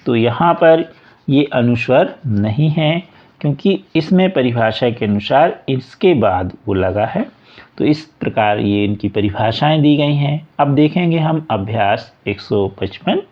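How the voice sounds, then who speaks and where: A man teaching a school workbook lesson, reading a passage aloud and then going through example words one at a time, patiently. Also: mid-range voice. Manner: slow, patient, repeats examples word by word. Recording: dull lo-fi recording.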